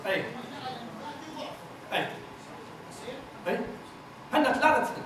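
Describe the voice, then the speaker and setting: Male recitation teacher, very high voice, patient and repetitive, chants examples; booming echoey room, mic far off. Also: sing-song, background noise. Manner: explains patiently, repeats words, chants verses slowly. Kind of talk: classroom lesson with chanted examples.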